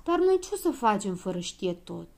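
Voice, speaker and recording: A woman's voice: medium pitch, big pitch swings, creaky, a little mellow. A woman voicing a worried little dwarf who asks anxious questions.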